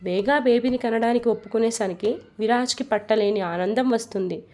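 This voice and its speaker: A woman narrating a romance storybook in a plain, steady reading voice. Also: fairly high pitch, normal speed.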